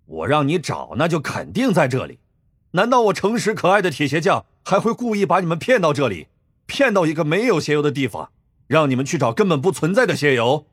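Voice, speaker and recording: A man's voice: a little high, very animated, brisk, husky, dry recording, clean studio sound. A man voicing a sly, gleeful male cobbler from an underground race, mocking and laughing sinisterly.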